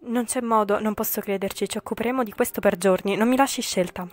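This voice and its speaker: Stern quiet vampire guy from a visual novel, low and firm, lady reading him out. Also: fast talker, soft background music, close to an everyday voice. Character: stern composed male vampire, young adult man.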